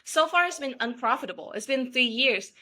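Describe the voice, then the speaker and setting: A woman's voice: high-pitched, expressive, brisk, sharp tone. A woman from Vietnam talking as a guest on a podcast, chatty and full of fillers, acting out the people she quotes. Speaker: podcast guest, startup founder. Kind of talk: casual podcast conversation.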